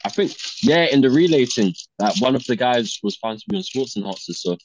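A man's voice: medium pitch, expressive, brisk, a little hiss or hum. A man co-hosting a football podcast, talking animatedly and laughing often. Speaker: podcast co-host. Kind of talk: casual podcast chat. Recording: dry, dull lo-fi mic.

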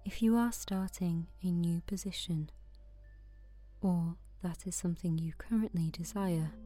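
A woman guiding a sleep meditation in a soft, soothing voice that often drops to a whisper. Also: lowish voice, fairly even intonation, unhurried, soft background music. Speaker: meditation guide.

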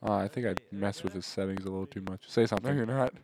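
A man's voice: on the low side, very fast, a crowd in the background. A man co-hosting a casual podcast with friends, joking and laughing often. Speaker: podcast co-host. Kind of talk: casual chat among friends.

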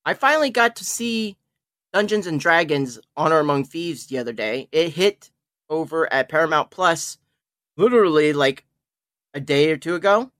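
A podcast host from the Altoona, Pennsylvania area, chatting casually in an animated, rambling way and stumbling over words. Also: mid-range voice, normal speed, no room sound, studio quality. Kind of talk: casual review chat.

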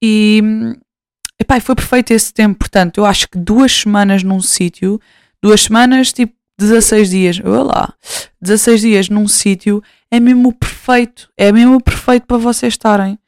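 A young woman from Portugal with a European Portuguese accent, chatting alone on her podcast in an animated, self-mocking way. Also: medium pitch, moderate pace, clear, resonant tone, no room sound, clean studio sound. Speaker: podcast host. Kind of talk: casual solo chat.

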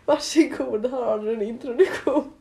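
A woman's voice: a little high, vocal fry, a little mellow, a little hiss or hum. A woman co-hosting a podcast in casual chat, announcing segments in a dry, teasing way. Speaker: podcast co-host.

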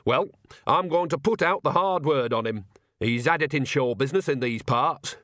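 A man's voice: mid-range voice, lively intonation, normal speed, fairly bright tone, no echo, studio quality, close to an everyday voice. A man voicing an earthy, cheerful old woman witch in an audiobook, blunt and teasing in a homely way.

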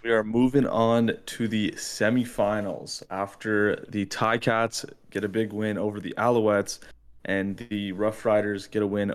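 A man's voice: lowish voice, clear, resonant tone. A young man co-hosting a sports podcast, cocky and teasing, boasting about his picks. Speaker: podcast co-host. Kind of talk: casual sports podcast chat.

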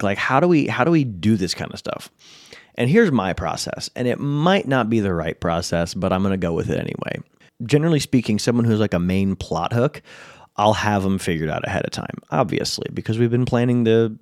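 American guy on a podcast, chill, laughs a lot, kinda low voice, dry close mic. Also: dry recording. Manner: laid-back, chuckles often, restarts with repeated words. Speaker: podcast host giving advice to game masters. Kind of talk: casual advice talk.

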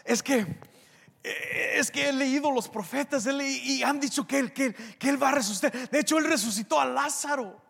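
A man's voice: extremely high pitch, gravelly, a bit bright, in a large hall, pitched above the performer's own voice, heavily acted. A man doing a fretful, anxious devil. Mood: worried. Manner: fretful, rushed questioning. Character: anxious male devil, fretting and whiny.

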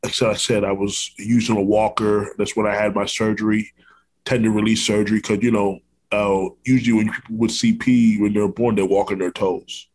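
Over poor audio, a Brooklyn-born, Orlando-raised man hosts a podcast, chatting in a conversational interview that's earnest, affirming, and full of fillers. His lowish voice is a little mellow and a little fast, with a flat delivery.

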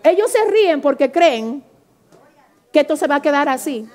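Woman preacher, high voice, fervent, gets loud then goes soft, keeps asking the crowd if they're following. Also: expressive, normal speed. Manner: fervent, swings between loud exclamations and soft intimate pleading; calls out to the congregation, asks for responses. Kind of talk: Pentecostal-style sermon.

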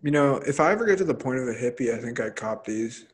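A man's voice: medium pitch, expressive, quick pace, breathy edge. A young man hosting a podcast, chatting casually and laughing often, with lots of fillers as he trails off. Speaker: podcast host. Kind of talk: casual chat.

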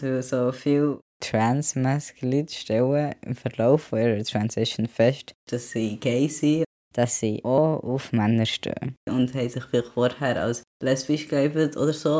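A man with a Swiss German accent chats through a casual vlog, his voice mellow and warm and his pitch staying quite even. He rambles a little and drops English words into his talk. The sound is close and dry. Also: no room sound. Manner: chatty, mixes in English words. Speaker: vlogger.

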